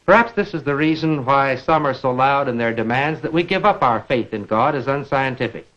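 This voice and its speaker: This 1950s film soundtrack carries an educational lecture from a middle-aged American man who speaks in a deliberate, measured way and raises rhetorical questions. He sounds mid-range, expressive, and a bit bright, though the audio is dull.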